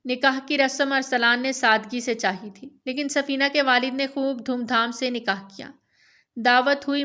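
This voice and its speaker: A woman reads a romance novel aloud, her voice sitting noticeably high. She keeps a steady, even storytelling pace from line to line. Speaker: narrator.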